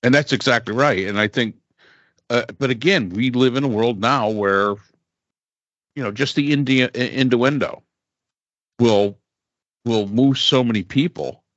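A man co-hosting a podcast, chatting casually and getting animated as he retells stories. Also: medium pitch, measured pace, long pauses, no room sound, dull audio. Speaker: podcast co-host. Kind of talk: casual political chat.

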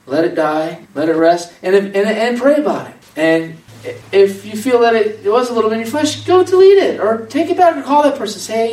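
A man preaching a sermon in a conversational, animated way, joking with the congregation. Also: sits high. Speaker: pastor. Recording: echoey room, mic at a distance, faint noise.

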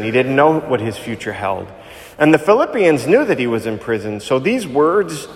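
A man serving as priest, reading the Gospel and preaching a homily in a measured, phrase-by-phrase delivery, with cathedral echo. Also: mid-range voice. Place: large church. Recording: long church reverb.

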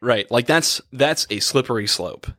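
A man's voice: medium pitch, animated, normal speed, pushed and bright, no room sound, clean studio sound. A young man who is a priest, talking casually and thinking aloud while losing his voice after a long day. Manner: rambling, thinking aloud with many fillers. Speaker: priest and podcast co-host. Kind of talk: casual chat, reading letters aloud.

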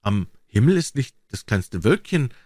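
A man's voice: lowish voice, big pitch swings, unhurried, darkish tone, no room sound, studio quality. A man voicing a small, proud male swallow in a storybook reading, talking in a chirpy, fussy, self-important way. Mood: pleased, puzzled.

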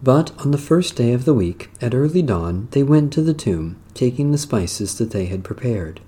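A man with a dark, mellow voice of middling pitch leads a worship service. He reads prayers, psalms and scripture as a clergyman would, in solemn, measured phrases. His delivery is declamatory and formal, set out line by line. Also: very animated, husky.

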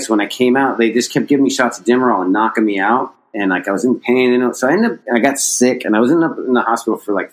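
A middle-aged American man, a skateboarder appearing as a podcast guest, tells a long personal story in a loose, rambling way, restarting often and swearing casually. His voice is fairly low, and the recording is rough.

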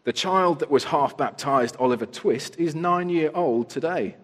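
A man's voice: a little high, moderate pace, voice pushed up, lightly acted. A man voicing a pompous, self-important workhouse beadle in a storybook reading, in an echoey hall. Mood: officious. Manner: puffed-up, officious. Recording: echoey hall with long reverb.

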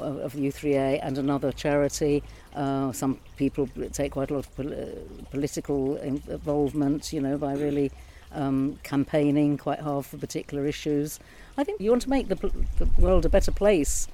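A woman in her sixties, a retired teacher, talking thoughtfully in a relaxed outdoor chat. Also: deep voice, slight background noise. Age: 60s. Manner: thoughtful, measured, reflective. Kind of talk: casual conversation. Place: garden outdoors by a pond.

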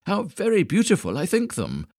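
A man doing a flustered old wise man, high and stammering. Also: huge pitch swings, moderate pace, darkish tone, dry recording, studio quality, full character voice. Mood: anxious. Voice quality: wavering, stammering.

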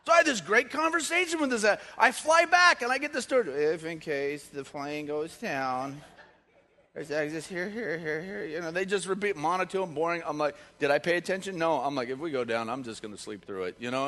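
A man's voice: high-pitched, pushed and bright. A man preaching a sermon as pastor, telling stories in a joking, conversational way. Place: church hall. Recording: long hall reverb.

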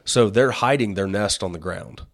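A man's voice: on the low side, moderate pace, creaky. A man hosting a casual chat, explaining things in a folksy, plain-spoken way. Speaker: host and turkey conservationist.

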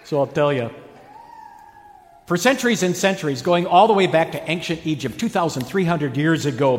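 High-voiced male preacher in an echoing hall. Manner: dramatic emphatic delivery with stretched key words. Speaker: pastor preaching. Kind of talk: sermon. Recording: echoey hall with long reverb.

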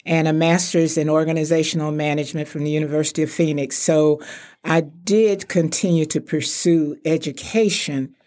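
A woman's voice: low voice, steady tone, moderate pace, dark tone. An older woman from Texas, a retired executive, answering interview questions graciously. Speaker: interview guest.

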